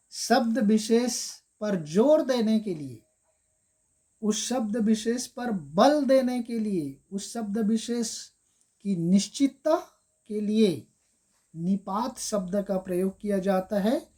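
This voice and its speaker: Slow, mellow-voiced woman teaching grammar. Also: medium pitch, animated. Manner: slow, repeats examples with stress on key words; addresses viewers as friends, step-by-step explaining. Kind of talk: exam-prep grammar lesson.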